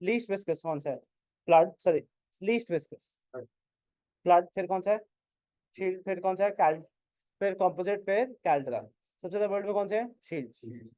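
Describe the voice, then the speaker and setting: A man with an Indian English accent teaching an exam-prep class, mixing Hindi and English and often asking whether it is clear. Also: high voice, animated, moderate pace, long pauses, warm tone, dry recording. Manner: keeps asking "is it clear?", questions and answers his own prompts.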